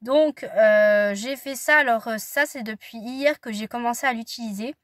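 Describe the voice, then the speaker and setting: A woman's voice: a little high, normal speed, no echo. A woman in her twenties, a student vlogger, talking casually to the camera in a chatty, rambling way with apologetic asides. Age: 20s. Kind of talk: casual vlog chat to camera.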